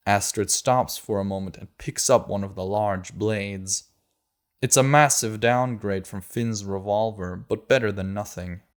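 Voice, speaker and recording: A man narrating an audiobook in a measured, steady way. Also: fairly low pitch. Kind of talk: scripted narration.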